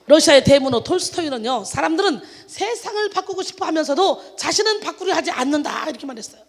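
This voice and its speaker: A woman's voice: high voice, big-room sound. A woman pastor preaching a sermon in an emphatic manner, with exclamations of hallelujah and rhetorical questions to the congregation.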